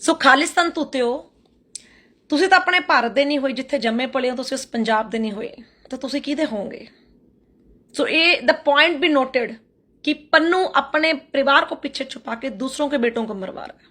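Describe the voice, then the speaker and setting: Woman vlogger, high and bright, fiery defiant delivery to camera. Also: normal speed. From Haryana, India. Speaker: social media creator. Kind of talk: vlog rant to camera. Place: Canada.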